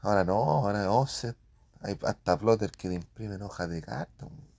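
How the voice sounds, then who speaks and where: A man's voice: lowish voice, a little fast, vocal fry, darkish tone. A man with a Chilean accent rambling casually about print shop work, full of slang and spoken sound effects.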